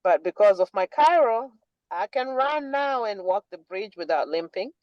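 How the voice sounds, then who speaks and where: A woman's voice: mid-range voice, lively intonation, moderate pace, no room sound. Woman from Zimbabwe, enthusiastic caller, muffled dry video-call audio. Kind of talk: comment in an online meeting.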